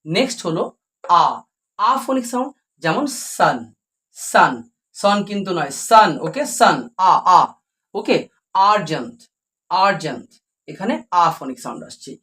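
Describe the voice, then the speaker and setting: A woman's voice: fairly low pitch, big pitch swings, a bit bright. Woman teaching phonics. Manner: repeats example words slowly, asks and answers own questions. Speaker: English teacher. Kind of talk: phonics lesson.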